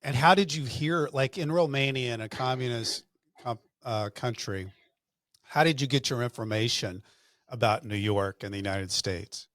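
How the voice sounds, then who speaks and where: A man hosts an interview podcast that includes a sponsor read, chatting conversationally with fillers and restarts. His mid-range voice is a bit bright and moves at a moderate pace. The clean studio sound has no room sound at all.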